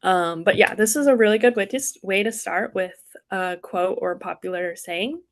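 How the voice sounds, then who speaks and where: A woman's voice: medium pitch, normal speed. A young woman leading an online writing workshop, explaining casually with many ums and likes over a video call.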